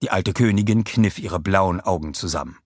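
A man reading a children's audiobook aloud with expressive storytelling narration. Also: sits low, moderate pace, dry recording, clean studio sound.

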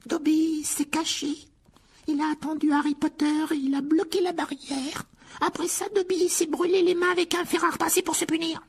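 A very high, thin-voiced male house-elf, as a woman acts him out, timid and fretful. He pleads, frets and scolds himself in an audiobook drama. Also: steady tone, normal speed. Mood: pleading. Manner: pleading, fretful and self-punishing.

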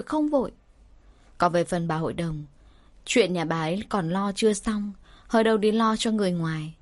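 A woman hosting her own channel, reading a folk ghost story aloud in a calm, measured narration. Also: mid-range voice. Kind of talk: scripted audiobook narration.

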